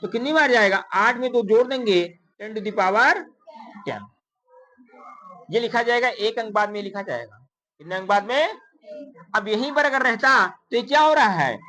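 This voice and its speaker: A woman's voice: fairly high pitch, expressive, normal speed, pauses often, fairly bright tone, low-quality recording. Woman teacher counting aloud to pupils. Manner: counts digits aloud and quizzes students with repeated questions; calls pupils "beta" in a coaxing tone. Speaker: math teacher. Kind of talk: classroom lesson. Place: classroom.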